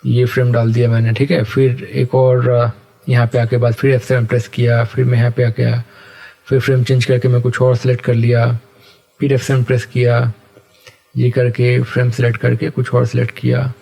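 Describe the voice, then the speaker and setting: A man teaching animation software step by step in a patient, explanatory way, often checking in with his viewers. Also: medium pitch, monotone, normal speed, vocal fry. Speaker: animation tutor. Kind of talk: screen-recorded software tutorial.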